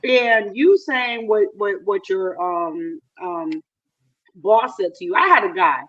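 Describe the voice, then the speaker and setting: American woman, mid pitch, casual storytelling in a group chat, kinda muffled lo-fi audio. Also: takes it slowly, a bit bright. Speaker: panel discussion participant.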